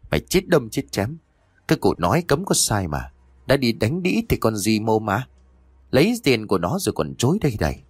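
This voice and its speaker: A man voicing a jealous, furious husband who snarls rapid accusations. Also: on the low side, husky, dry recording.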